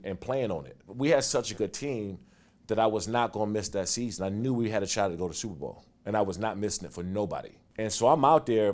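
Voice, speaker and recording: A man in his forties with a fairly low voice, recounting old football stories in a relaxed interview. He talks animatedly and rises to loud, quick bursts when the tale heats up. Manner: animated storyteller, gets loud and fast when excited. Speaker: guest, former football player. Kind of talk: casual storytelling interview.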